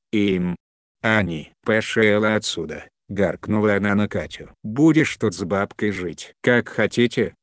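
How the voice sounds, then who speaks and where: A man's voice: fairly low pitch, dry recording, studio quality, natural voice. Man doing a harsh drunken village woman. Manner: harsh, scolding. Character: drunk, quarrelsome middle-aged village woman.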